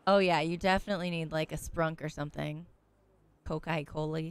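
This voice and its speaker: A woman's voice: low voice, steady tone, brisk, clean tone, no echo. A woman streamer in in-character role-play chat, easygoing with short replies.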